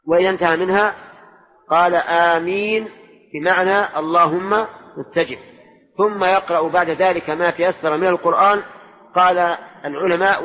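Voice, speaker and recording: A man, a religious scholar, giving a question-and-answer lesson and quizzing his students for answers. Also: high voice. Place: large mosque hall. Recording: dull lo-fi recording with long hall reverb.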